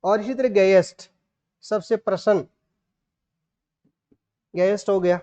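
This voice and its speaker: A man's voice: sits high, fairly even intonation, slow, mellow. A man with a Rajasthani Indian accent teaching an online grammar lesson, explaining rules step by step and spelling words out letter by letter. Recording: dull lo-fi audio.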